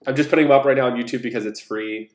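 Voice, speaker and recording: A man's voice: mid-range voice, steady tone, rapid-fire. Rambling man with roomy echo. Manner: rambling, many fillers and restarts. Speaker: podcast host. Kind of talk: solo podcast intro monologue.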